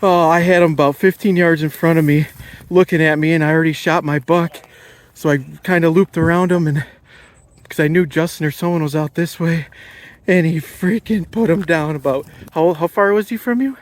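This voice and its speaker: A man's voice: fairly high pitch, fairly even intonation, brisk. A man outdoors telling how he drove a deer toward his friend, amazed and exclaiming. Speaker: hunting partner. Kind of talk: excited outdoor chat. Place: outdoors in woods.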